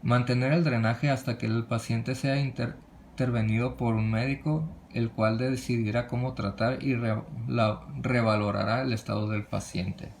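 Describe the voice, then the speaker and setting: A man presents a medical lesson from slides, his voice gravelly and low in the throat. He reads haltingly, often cutting off a word and starting it again. A faint hiss sits behind the recording. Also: fairly even intonation, darkish tone. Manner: halting, with frequent restarts and cut-off words. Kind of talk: reading a slide lecture.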